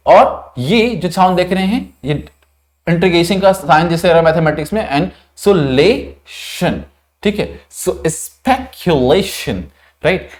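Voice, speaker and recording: Indian male tutor drilling pronunciation. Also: high voice. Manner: explanatory, repeats words slowly to model pronunciation; frequent check-ins like "thik hai". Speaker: vocabulary teacher. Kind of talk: online vocabulary lesson.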